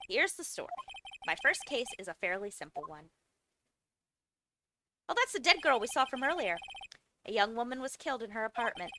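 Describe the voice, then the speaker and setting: A woman's voice: a little high, background noise, lightly acted. A woman voicing a nervous young male defense lawyer, narrating in a dry, wry way.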